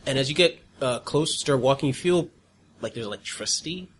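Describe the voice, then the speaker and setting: A man running a tabletop game as game master, calmly describing the scene with some restarts. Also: mid-range voice, fairly quick, slight background noise.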